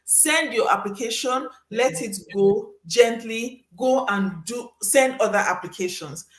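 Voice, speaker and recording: Animated woman giving career advice, roomy echo. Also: a little slow. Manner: animated, acts out little scenes with sudden high voices; emphatic, repeats for stress. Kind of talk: casual advice talk to a live audience.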